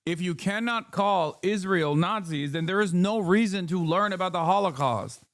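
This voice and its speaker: A man's voice: high voice, a bit bright, no room sound. A man in his thirties streaming, reacting to an interview with heated, profane, incredulous commentary. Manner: fast, profane, incredulous rants.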